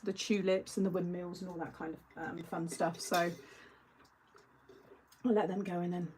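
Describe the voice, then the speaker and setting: A woman's voice: lowish voice, fairly even intonation, moderate pace, a little mellow, slight background noise, rough recording. A woman hosting a live craft-along, chatting casually and answering viewer comments as she works. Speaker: craft show host.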